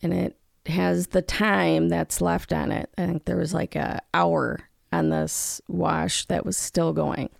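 Woman co-host, heavy vocal fry, slow unhurried telling, dry close mic. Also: fairly low pitch, fairly even intonation, dry recording. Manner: chatty storyteller, teasing interjections. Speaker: podcast co-host. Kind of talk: casual relationship podcast chat.

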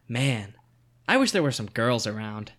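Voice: medium pitch, very animated, slow pace, a bit bright. A performer voicing Mikey, a tough, protective boy of about eleven, in a table read of a screenplay. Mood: wistful.

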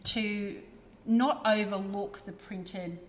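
A woman's voice: medium pitch, fairly even intonation, slow pace, big-room sound. A woman talking casually as a podcast guest, with lots of ums and you knows. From Australia. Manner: chatty, many fillers like um and you know. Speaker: guest, printing business representative.

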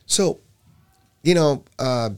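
A man's voice: fairly high pitch, drawn-out words, clear, resonant tone. Emphatic man from Puerto Rico. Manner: animated, emphatic, repeats words when restarting. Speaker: youth basketball program director. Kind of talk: casual conversation.

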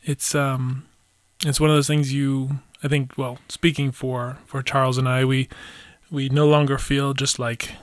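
A man, a guest who has become part of the show, talks in casual chat. He speaks hesitantly and restarts his sentences often. His voice is mid-pitched, and the sound is dry. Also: level tone, a little slow, no echo.

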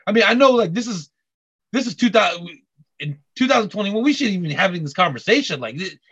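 A man chatting casually on a podcast, halting with many restarts and repeated words. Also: high-pitched, sing-song, fairly bright tone, slightly rough. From Korean heritage. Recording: dull lo-fi audio.

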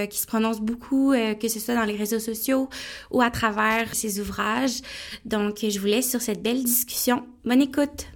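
A woman hosting a casual podcast interview, asking questions in a friendly, informal way. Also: on the high side. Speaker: podcast host.

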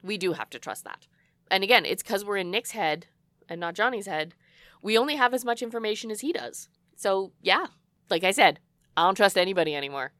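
A woman co-hosting a casual book discussion, her voice husky and rough with congested sinuses, like a smoker's rasp. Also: mid-range voice, lively intonation, fairly quick, fairly bright tone, dry recording. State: congested sinuses, cough-prone from smoky air. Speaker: podcast co-host.

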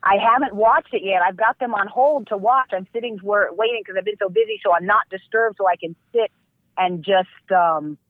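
A woman's voice: mid-range voice, moderate pace, no room sound. A woman actress and dancer talking in a chatty, effusive way as a guest in a phone interview. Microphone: telephone. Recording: tinny dry phone line.

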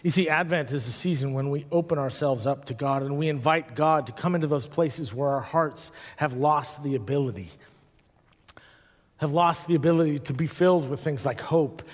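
A middle-aged man preaching a personal storytelling sermon, reflective, easing into soft hushed passages with slow pauses. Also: fairly high pitch. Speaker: pastor. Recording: long hall reverb.

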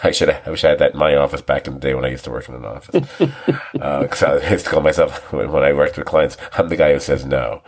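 A man's voice: a bass voice, quick pace. A man co-hosting a TV review podcast, rambling casually with restarts, laughing often and acting out quoted lines. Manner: acts out quoted lines with animated voices. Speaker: podcast co-host.

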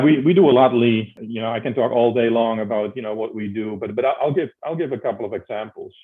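A Dutch man from the Netherlands with a low voice answers questions as a guest in a conversational interview; he's an executive in energy consulting. He explains things, repeating words as he builds his points. The audio comes through a narrow, tinny, phone-like line.

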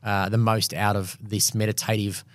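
A man co-hosting a podcast, talking quickly through Bible passages in casual chat with restarts. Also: on the low side, level tone, no echo. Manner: quick, thinking aloud with restarts. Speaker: podcast co-host.

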